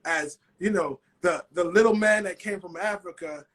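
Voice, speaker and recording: A man's voice: sits high, normal speed, a bit bright, husky. A man hosting a casual interview, eager and enthusiastic, full of "like" and "you know". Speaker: host, life coach.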